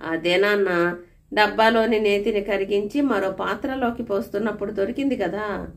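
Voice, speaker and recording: A woman's voice: medium pitch, moderate pace, natural voice. A woman voicing an eager, innocent ten-year-old boy in a storybook reading.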